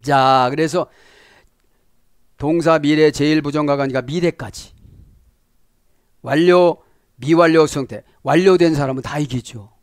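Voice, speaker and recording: A male pastor preaching with plenty of animation, his voice sitting a little higher than most men's. He keeps turning to his listeners with quick checks, and he acts out little scenes in other voices. The recording is close and dry. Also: no room sound. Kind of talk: sermon, Bible word study.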